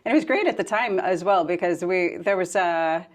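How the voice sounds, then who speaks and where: A woman in her forties, guesting on a podcast, with a slightly low voice. She talks in a relaxed, conversational way and thinks aloud as she goes. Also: moderate pace. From United States. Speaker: guest, fisheries scientist. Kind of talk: casual interview chat.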